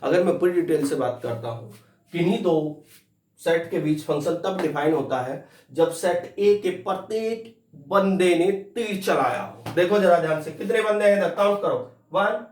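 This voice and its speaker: A man teaching a math lesson, repeating each point slowly and telling students to listen closely. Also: high-pitched, darkish tone, reverberant, distant mic, slight background noise. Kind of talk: classroom lecture.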